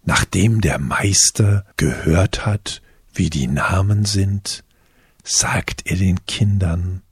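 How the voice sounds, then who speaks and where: A man's voice: sits low, takes it slowly, husky, no room sound, studio quality. A man narrating a story for children, explaining things patiently and unhurriedly over background music. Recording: music bed playing underneath.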